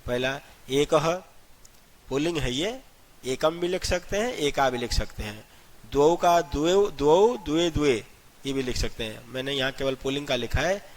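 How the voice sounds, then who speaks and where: A man with a somewhat high-pitched voice teaches a school grammar lesson, calling his students "children". He explains each form step by step and recites long lists of number words one after another. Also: animated, moderate pace. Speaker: Sanskrit teacher. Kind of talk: classroom-style grammar lesson.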